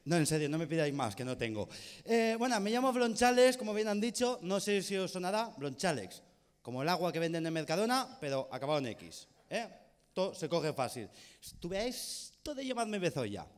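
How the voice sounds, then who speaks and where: A stand-up comedian with a high, bouncy voice that swings up and down, deliberately mangling his R and S sounds. He jokes about himself and drops quick questions at the crowd, and his voice carries a long reverb off the stage. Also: sing-song. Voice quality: exaggerated speech impediment, mangled R and S sounds. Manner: self-mocking, quick asides and tag questions. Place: stage in a comedy venue with audience.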